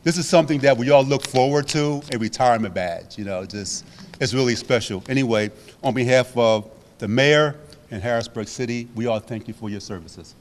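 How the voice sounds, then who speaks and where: A man's voice: medium pitch, brisk, long reverb tail, slight background noise. A man, a city official, presenting a retirement badge in casual, rambling ceremonial remarks.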